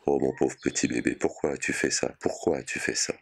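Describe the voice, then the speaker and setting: Grieving old mother, read by a deep-voiced man. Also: level tone, fairly quick, creaky, husky, full character voice. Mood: pleading. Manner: tearful, pleading. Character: grieving aging mother visiting her son in prison.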